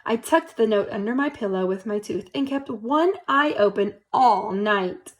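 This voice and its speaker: A woman reading a picture book aloud to young children in an animated, expressive way, speaking to them directly. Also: fairly high pitch, a little slow.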